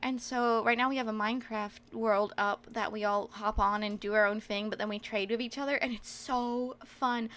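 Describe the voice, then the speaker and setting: A woman's voice: medium pitch, steady tone, fairly quick, hardly any pauses, a bit bright. A young woman chatting casually on a livestream in a cute, playful anime-streamer manner, giggly and rambling, with some self-deprecation. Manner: giggly, laughs often while talking. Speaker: streamer introducing herself on a debut stream.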